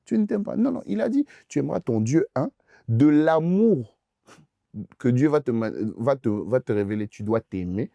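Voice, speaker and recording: A man's voice: medium pitch, very animated, moderate pace, creaky, dark tone, no room sound. A young man preaching as pastor in a youth question-and-answer session, emphatic and insistent, repeating phrases straight at the listener.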